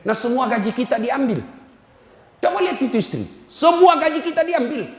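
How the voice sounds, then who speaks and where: Animated male preacher in an echoey hall. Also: very high voice, moderate pace. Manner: animated, teasing, addresses the audience directly. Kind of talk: humorous sermon.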